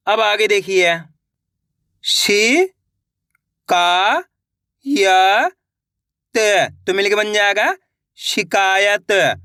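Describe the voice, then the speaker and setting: Bright, dry-voiced man teaching reading. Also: high voice, dry recording. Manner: drawn-out slow dictation of syllables, then quick explanations; encouraging, addresses viewers as friends. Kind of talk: slow syllable-by-syllable reading lesson.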